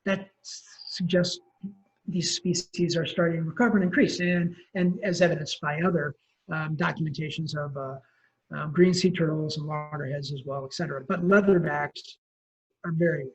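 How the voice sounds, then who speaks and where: A man's voice: on the high side, steady tone, moderate pace. Man, wildlife professor type, casual lecture, lots of ums, muffled webinar sound. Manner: casual, rambling, frequent ums and self-corrections. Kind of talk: conversational lecture.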